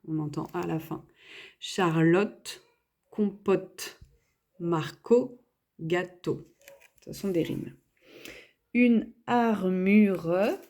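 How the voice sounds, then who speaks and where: A woman's voice: medium pitch, dark tone. A woman teacher reading homework aloud, sounding out syllables one by one and patiently explaining simple words for young children. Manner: slow, deliberate syllable-by-syllable reading. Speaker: schoolteacher. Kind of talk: homework reading and dictation lesson.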